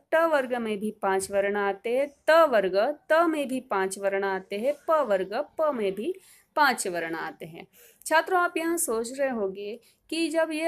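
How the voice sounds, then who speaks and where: A middle-aged woman teacher giving a patient lesson, repeating key points and drawing out sounds as examples. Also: sits high. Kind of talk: classroom lesson explanation.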